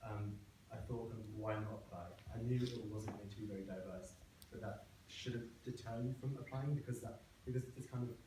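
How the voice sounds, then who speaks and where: A young man student speaking hesitantly to visiting schoolchildren, filling with 'kind of'. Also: lowish voice. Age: young adult. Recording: echoey room, voice from a distance, background noise.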